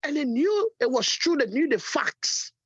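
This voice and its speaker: Phoning in as a caller, a woman offers casual opinions in a high voice with big pitch swings at a measured pace. There's no room sound, but the phone line leaves it muffled and band-limited.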